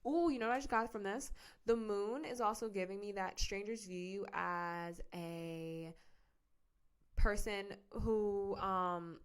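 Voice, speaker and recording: Woman, tarot reader, casual chatty reading, rambling with fillers, mid-pitched voice. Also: steady tone, slow, clear, resonant tone.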